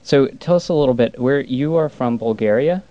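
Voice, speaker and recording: A man hosting a college radio show in a studio, announcing and chatting with a guest in a relaxed, slightly halting way. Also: medium pitch, highs cut off. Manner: relaxed, conversational, a little halting. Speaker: radio host. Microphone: studio microphone.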